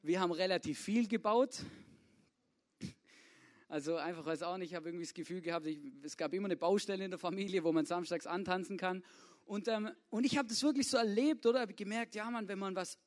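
Casual preacher, high voice. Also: male voice, fairly quick. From Swabia, Germany. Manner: casual, informal, keeps asking "oder?". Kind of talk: youth sermon.

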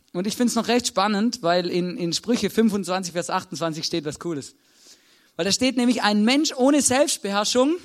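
High-voiced Austrian preacher, chatty. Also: male voice. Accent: Austrian German. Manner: conversational, tags nearly every sentence with a question to the listeners. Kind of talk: sermon.

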